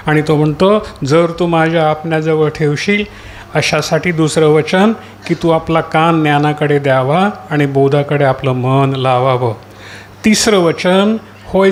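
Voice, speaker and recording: Male pastor preaching, fairly high voice, keeps asking the crowd questions, slows way down for scripture, lots of hallelujahs, bit of faint noise behind. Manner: asks the congregation questions and answers them; repeated cries of hallelujah. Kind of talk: sermon.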